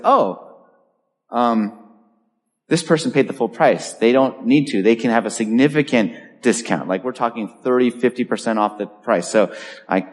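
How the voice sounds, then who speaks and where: A pastor from the Boston area of the US preaches a sermon in church, hammering his points home with emphatic repetition and sharing a personal story. His medium-pitched voice echoes in a large hall.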